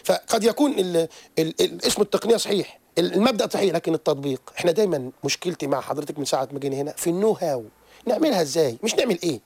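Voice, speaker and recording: Fast-talking gravelly man. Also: on the high side. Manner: animated, rapid lecturing with frequent restarts. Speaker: therapist guest on a radio show. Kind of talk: radio interview explanation. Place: radio studio.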